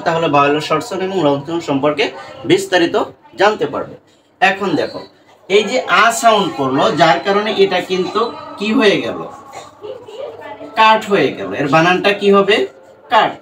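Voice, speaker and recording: A man teaching English pronunciation to students in a lesson, who keeps asking questions and answering them himself. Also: a little high. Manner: asks questions and answers them himself, repeats "right?" and "dekho". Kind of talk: classroom-style lesson addressing students. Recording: faint background noise, a bit distant from the mic.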